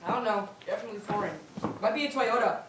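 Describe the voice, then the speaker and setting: A woman's voice: medium pitch, fast, close to an everyday voice. A woman playing a cheeky, dim, literal-minded minder in a stage comedy. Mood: clueless. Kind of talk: live stage comedy acting. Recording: echoey stage, distant mic, clear noise.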